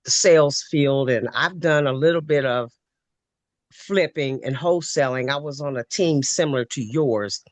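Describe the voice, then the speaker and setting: Her voice rumbles low at a normal speed, with no echo, as this Ohio woman on a video call talks on and on. She's a webinar participant in a casual conversation, storytelling loosely and filling her speech with fillers.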